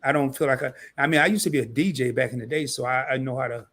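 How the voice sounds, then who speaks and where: A fast-talking man with a mid-range voice hosts a casual live-stream interview, his voice slightly scratchy tonight. His manner is animated and slangy, and he jokes and laughs at his own expense.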